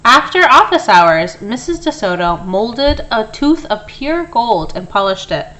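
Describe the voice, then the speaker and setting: A woman narrates a children's story as a read-aloud. Her intonation is very lively, rising and falling widely through the sentences. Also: on the high side, unhurried, poor audio. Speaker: storybook reader.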